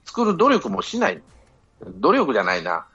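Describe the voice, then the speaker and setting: A man's voice: sits high, wildly swooping pitch, moderate pace, bright, forceful tone, slightly rough. A man in a casual podcast chat, arguing his points assertively. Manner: assertive, lecturing. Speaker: podcast panelist. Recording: dull lo-fi audio with faint music.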